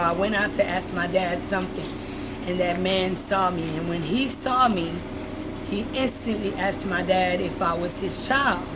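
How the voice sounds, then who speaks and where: Haitian woman vlogger, loud noisy background. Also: medium pitch. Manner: earnest, addresses viewers as "you all" often; switches between English and Haitian Creole. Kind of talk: personal testimony to camera.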